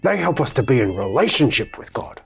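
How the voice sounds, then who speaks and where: Moses is a patient, earnest leader explaining the rules to a child audience, voiced by a woman. The voice carries a gravelly, creaky texture and moves up and down a lot as he teaches. He stumbles over a few words and then steadies. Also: rumbling low, sing-song, fairly quick, heavily acted. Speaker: actor in a children's Bible skit. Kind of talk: children's show skit acting.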